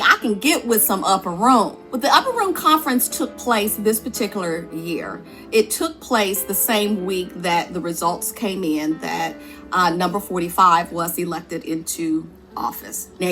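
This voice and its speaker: A woman's voice: medium pitch, a bit bright. A woman, a church singer, telling her personal testimony in an earnest, conversational and emphatic way.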